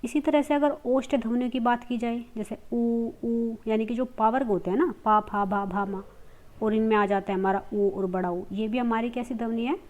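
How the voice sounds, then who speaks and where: Woman teacher, on the high side, patient lesson delivery that poses and answers its own questions. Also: steady tone, a little mellow. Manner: explains step by step, repeats letter sounds slowly, asks and answers her own questions. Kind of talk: classroom grammar lesson.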